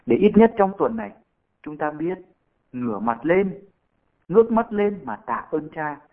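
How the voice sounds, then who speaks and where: Priest man preaching a homily, kinda high voice, tinny phone-like sound. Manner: storytelling, addresses congregation. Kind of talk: sermon.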